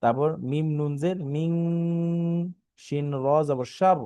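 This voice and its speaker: A man teaching Quran reading online, spelling Arabic syllables one by one and then reciting the words in a drawn-out, melodic way, with a Bangladeshi Bengali accent. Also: fairly high pitch, mellow, smooth, dry recording.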